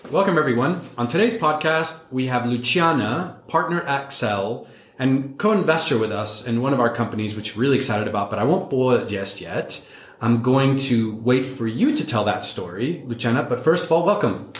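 A man's voice: mid-range voice, animated, moderate pace, roomy sound. A man hosting a tech interview podcast, chatty and friendly, often repeating words as he gathers his thoughts. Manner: conversational, repeats words when thinking. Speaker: podcast host.

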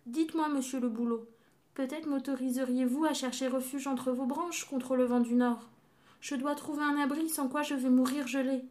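Storybook young male blackbird, pleading and polite, a bit higher and slower, put on by a woman reading. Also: a little mellow, lightly acted.

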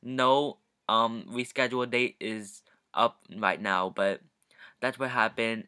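Teen boy podcast co-host, mid-pitched, sarcastic, dry phone recording in a car. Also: pushed and bright, no room sound. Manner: sarcastic, teasing. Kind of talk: casual chat. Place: back seat of a car.

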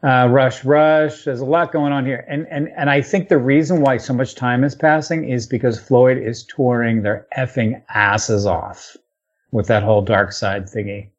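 A man hosting a podcast, talking casually and rattling off one title after another. He sounds relaxed and loose, dropping the odd swear word. The recording is dull and slightly lo-fi. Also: mid-range voice, moderate pace. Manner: rattles off long lists, with fillers and profanity. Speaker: podcast host. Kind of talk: casual chat listing albums.

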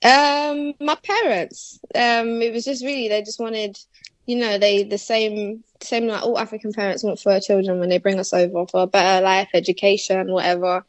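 A young woman rapper, chatting easily and breaking into laughter between thoughts. Her voice sits at an ordinary middle pitch. It is recorded close and dry, with no room sound around her. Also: moderate pace, no room sound. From born in Malawi, raised in England. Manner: relaxed, laughs often, slangy. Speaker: rapper guest. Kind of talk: casual interview chat.

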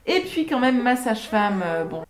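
A young woman and mother telling her own birth stories in an unscripted, hesitant way, with many pauses and fillers. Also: a little high, big pitch swings. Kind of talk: unscripted personal testimony.

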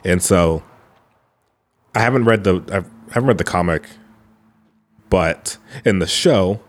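A man's voice: deep voice, a little slow. A man chatting casually on a podcast, rambling with lots of filler words as he riffs on ideas. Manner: rambling, laid-back, with frequent "like" fillers. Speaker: podcast co-host. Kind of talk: casual chat.

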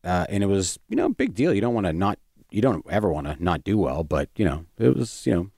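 A man's voice: deep voice, sing-song, fast, gravelly, a little mellow, no room sound, clean studio sound. A man, a stand-up comedian, telling stories in a casual chat, rambling and hesitant with lots of fillers and restarts.

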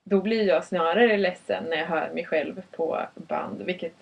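Young woman, podcast co-host, husky voice, reflective, laughs often, muffled distant mic. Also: fairly low pitch. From northern Sweden. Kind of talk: casual chat.

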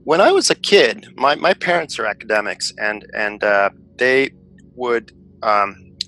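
A man's voice: medium pitch, lively intonation, measured pace, sharp tone, soft background music, low-quality recording. A middle-aged man from Finland, answering interview questions in a thoughtful way, with many fillers and restarts. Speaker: venture investor guest.

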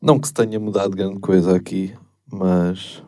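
A man's voice: low-pitched, level tone, normal speed, mellow. A man chatting casually as a podcast host, informal and slangy, often hesitant. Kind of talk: casual chat.

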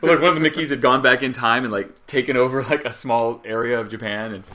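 A man chatting as a podcast guest, telling stories with lots of laughter and acting out quotes in silly high voices. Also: fast. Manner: animated storyteller, acts out quotes in high voices, laughs often. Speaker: podcast guest, writer and actor. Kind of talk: casual podcast chat.

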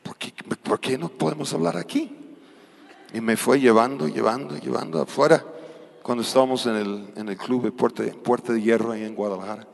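A male pastor preaching a charismatic sermon, surging loud and dropping quiet. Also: mid-range voice, a little fast, creaky. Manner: preaches with sudden loud surges and quiet drops. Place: church hall. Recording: long hall reverb.

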